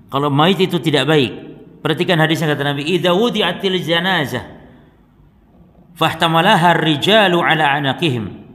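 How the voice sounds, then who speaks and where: A man's voice: fairly high pitch, a bit bright. A male Islamic teacher giving a religious study lesson. He recites Arabic texts and then explains them to the congregation. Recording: reverberant hall.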